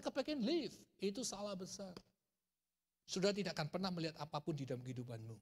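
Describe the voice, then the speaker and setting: A middle-aged man preaching a sermon to a congregation, telling animated stories and sometimes raising his voice sharply. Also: mid-range voice, slightly rough, in a large hall. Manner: animated storytelling, shouting in acted quotes. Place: church.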